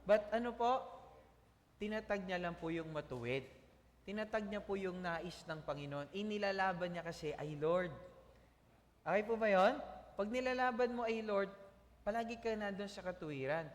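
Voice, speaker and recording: A man preaching a sermon as pastor, animated and calling out to the congregation for amens. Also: sits high, moderate pace, in a large hall.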